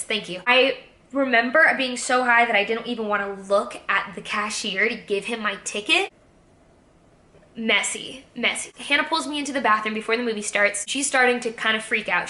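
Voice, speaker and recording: A woman's voice: on the high side, bright, forceful tone, reverberant. A woman in her twenties telling a story to camera in a casual vlog, chatty and swearing freely as she laughs her way through it. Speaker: vlogger.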